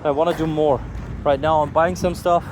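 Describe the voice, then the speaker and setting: On a street walk, a German-accented vlogger who hasn't slept much chats into his phone at a normal speed, his voice on the high side with fairly even intonation. Frank and casual, he swears and knocks himself, with ambient traffic audible.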